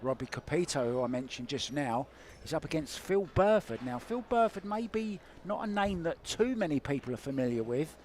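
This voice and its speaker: A man's voice: on the high side, animated, normal speed, hardly any pauses, a little mellow, slight background noise. A man doing live play-by-play commentary on a pool match, chatty and informative in an upbeat way.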